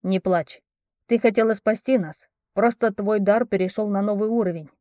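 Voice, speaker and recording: Woman narrator doing a steady young prince, calm and firm, mellow voice, storybook. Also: medium pitch, a little fast, dry recording, studio quality, natural voice. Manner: firm, calming, instructing. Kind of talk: audiobook character voicing.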